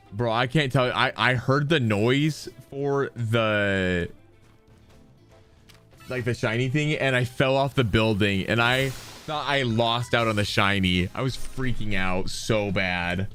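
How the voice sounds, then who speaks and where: A man streaming a video game, chatting casually with his viewers in an excitable, rambling way full of asides. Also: mid-range voice, unhurried, smooth, faint music behind. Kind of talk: casual gameplay chat with viewers.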